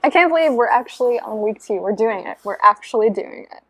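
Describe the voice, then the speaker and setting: A young vlogger with a slightly high, fairly bright voice and lively intonation chats a little fast from a cafe couch indoors. The casual conversation is bubbly and packed with "like" and "um".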